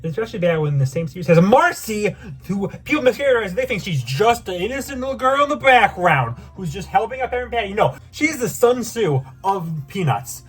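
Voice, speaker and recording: A man casually ranking cartoon and game characters, animated and excitable, often breaking into high-pitched outbursts with a slightly strained voice. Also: fairly quick, slightly rough, faint music behind. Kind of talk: casual tier-list commentary.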